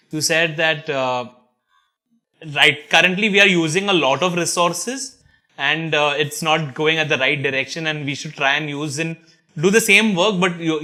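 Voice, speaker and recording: A man's voice: on the high side, sharp tone. A man with an Indian English accent hosting a casual interview, asking questions in a playful, teasing way. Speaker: interview host.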